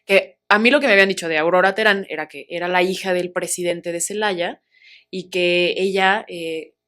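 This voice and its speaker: A young woman with a Mexican accent, an actress telling a story in a casual interview, animated and acting out the voices of the people she quotes. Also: lowish voice, moderate pace. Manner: animated, acts out quoted voices, laughs often.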